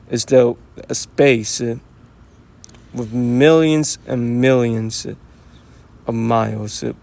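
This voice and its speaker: A man's voice: medium pitch, mellow. A man in a casual unscripted monologue, musing aloud and rambling, swearing freely and restarting his sentences. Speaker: vlogger talking to himself.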